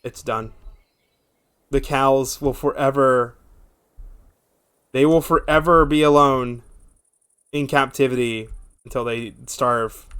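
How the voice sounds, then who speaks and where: A man's voice: medium pitch, fairly bright tone, smooth. Male game streamer, mid-range voice, casual rambling live chat with viewers.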